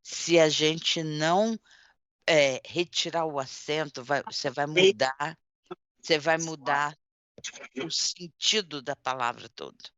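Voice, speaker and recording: A woman teacher, deliberately spelling out words letter by letter during a class. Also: low voice, fairly bright tone, clean tone, no echo, muffled recording. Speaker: language teacher. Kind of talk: online class instruction.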